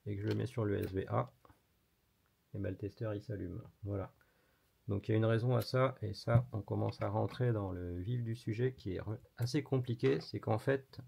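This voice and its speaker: Gravelly and mellow with a breathy edge, his fairly low voice guides viewers through an electronics tutorial as he demonstrates by hand. The tone stays casual and talkative, peppered with the occasional mild curse, and the audio is a dull lo-fi capture.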